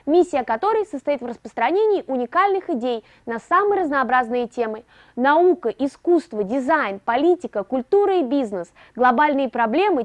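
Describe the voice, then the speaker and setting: Lively high-voiced young woman reviewing gadgets. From Russia. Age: early 20s. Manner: lively, expressive delivery with rising emphasis. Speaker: tech show host. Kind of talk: scripted tech review narration.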